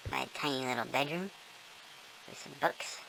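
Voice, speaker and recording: Gamer's voice through a squeaky morph filter. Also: moderate pace, vocal fry, very noisy. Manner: rambling, with many ums and self-corrections. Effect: voice-morphing filter, squeaky and small like a squirrel. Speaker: gamer giving a tour of a build. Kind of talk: casual gameplay tour.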